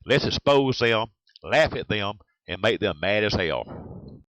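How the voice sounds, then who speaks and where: A man's voice: fairly low pitch, lively intonation, slow pace, a bit bright, dry recording, rough recording. A man with a Southern US accent delivering a blunt, provocative scripted monologue as an aspiring talk radio host. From USA. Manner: blunt, provocative, list-like repetition.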